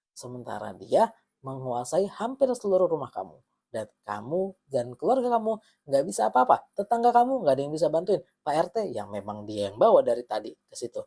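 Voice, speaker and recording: A man's voice: on the high side, husky. A man hosting a video, explaining a topic casually with an everyday analogy and talking straight to the viewer. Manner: animated, conversational, addresses viewer directly. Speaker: video host.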